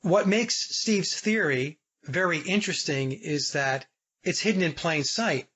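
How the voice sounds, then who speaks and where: An American man hosting a podcast interview, his voice a touch higher than most men's. He speaks deliberately and leads the conversation, and the audio sounds dull and lo-fi. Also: expressive, pushed and bright, husky. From United States. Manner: deliberate, guiding, addressing listeners directly. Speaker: podcast host.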